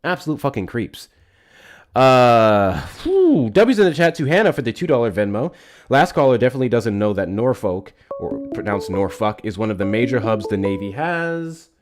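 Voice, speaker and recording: A young man hosting a live political call-in stream, blunt and profane, quick to anger. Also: medium pitch, big pitch swings, over music. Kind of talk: heated live call-in talk.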